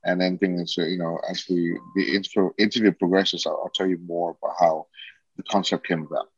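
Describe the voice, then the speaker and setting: A man's voice: sits low, flat delivery, a little fast, slightly rough, dry recording. A man, talking casually as an interview guest in a rambling way with many restarts. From Australia. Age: 40s. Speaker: guest, social entrepreneur. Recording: dull lo-fi sound.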